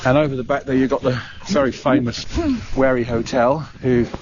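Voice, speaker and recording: A man's voice: medium pitch, little pitch movement, a little fast, darkish tone. Breathless man vlogging outdoors. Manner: rambling, chatty, with frequent "uh" and restarts. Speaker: travel vlogger. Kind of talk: casual walking vlog. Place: outdoor park by the water. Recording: dull lo-fi sound with clear background noise.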